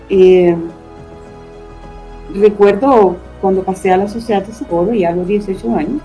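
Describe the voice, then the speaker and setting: A woman's voice: medium pitch, mellow, low-quality recording. A woman giving an earnest personal faith testimony as a panelist, often adding tag questions.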